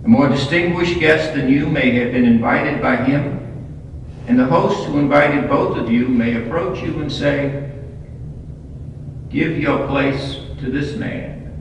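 A man, a priest, reading the gospel and preaching at Mass in a measured, deliberate way, heard with a cathedral echo. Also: medium pitch, a little hiss or hum. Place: large church. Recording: distant, echoey church recording, slightly muffled.

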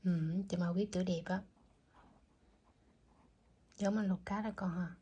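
A young woman at home, gently asking her child questions in a casual home video. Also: fairly low pitch, steady tone, unhurried, husky. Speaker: parent talking with her child.

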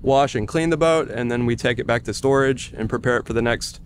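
A man's voice: medium pitch, brisk, slight background noise. A man from a boat club explaining step by step how the club serves its members. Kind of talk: explaining a service to camera.

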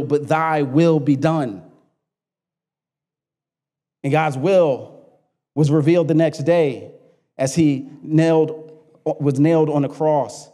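A male pastor delivering a sermon in a fairly high voice. He climbs into loud, emphatic peaks on key lines, then drops back into an easy, chatty storytelling tone. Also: big-room sound. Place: church.

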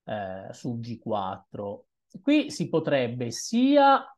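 A young man commenting on his own chess game as he plays, thinking aloud in an unhurried, musing way with hesitant asides, recorded on a webcam at a desk in a small room. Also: on the high side, a little mellow. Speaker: chess streamer.

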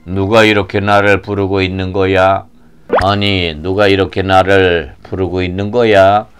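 Pastor putting on a low, soft-spoken, solemn healer for a kids' puppet show. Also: male voice, level tone, unhurried, clear, resonant tone, soft background music. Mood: gentle. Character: calm, kindly male savior figure, grave and gentle.

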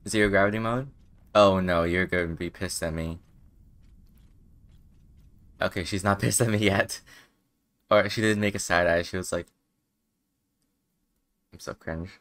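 A man's voice: sits low, fairly even intonation, a little slow, pauses often, fairly bright tone. A young man doing casual, rambling, profane gameplay commentary as a streamer. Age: young adult. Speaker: game streamer.

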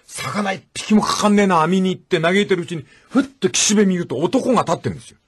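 A man's voice: high-pitched, fast, breathy edge. A male radio host who tells stories with animation and acts out the voices in them. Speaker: radio talk show host. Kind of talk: animated storytelling commentary.

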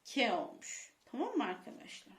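A woman with a high voice teaches a class of children, asking quiz questions and stressing each rule twice. Her voice rings in an echoey room. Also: huge pitch swings, normal speed. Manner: addresses pupils as friends, repeats key points, asks quiz questions.

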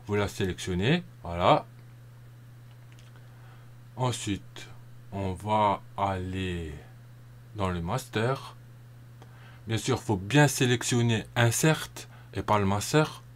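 A man narrating a software tutorial over a screen recording, casual and rambling, often hesitating and repeating himself. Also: on the low side, takes it slowly, long pauses, slight background noise.

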